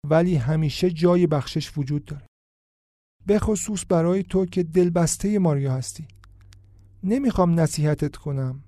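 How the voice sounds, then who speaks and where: A man narrates a story in a measured, steady way. His voice is mellow and fairly high, recorded close and dry with no room sound. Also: no echo. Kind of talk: audiobook narration.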